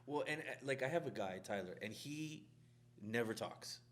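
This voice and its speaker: A man's voice: medium pitch, expressive, normal speed, a little hiss or hum. A man who is a contractor, co-hosting a podcast in casual chat, talking in a loose, rambling way. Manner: loose, rambling, full of "like" fillers.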